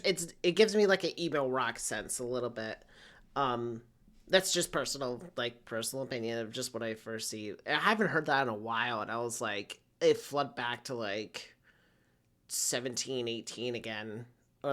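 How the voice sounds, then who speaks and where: A man's voice: medium pitch, sharp tone. A young man giving a casual music reaction, enthusiastic and rambling with lots of fillers. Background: faint music playing.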